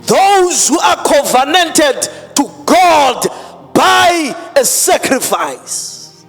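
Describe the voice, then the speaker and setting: High-voiced preacher at a pulpit microphone. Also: male voice, sing-song, fairly bright tone. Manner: emphatic, drawn-out preaching with mixed-in Xhosa words. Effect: speaking into a pulpit microphone. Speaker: pastor. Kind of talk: sermon. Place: church hall. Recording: long hall reverb, faint music behind.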